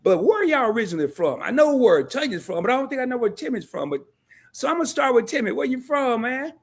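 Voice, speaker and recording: A man's voice: extremely high pitch, very animated, quick pace. A man hosting a casual interview, enthusiastic and playful, laughing and teasing his guests.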